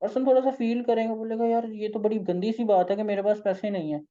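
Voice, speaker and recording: A hoarse, tired man with a Pakistani accent, leading an online sales training session in an informal, coaxing way. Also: high voice, fairly even intonation, quick pace, warm tone, lo-fi sound. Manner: informal, coaxing, keeps saying "okay". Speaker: sales trainer and company founder.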